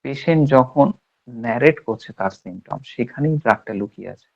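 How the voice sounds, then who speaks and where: Man from India, homeopathy lecturer, emphatic delivery, mid-pitched voice, slightly muffled recording. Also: animated, brisk, vocal fry, darkish tone. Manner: emphatic, acts out patients' complaints in quoted voices. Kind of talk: lecture on remedies.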